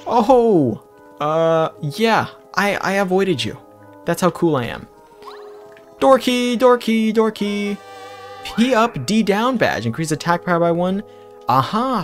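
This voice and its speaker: A man's voice: fairly high pitch, animated, normal speed. A man giving casual let's play commentary, rambling through jokey asides as he plays. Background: game music.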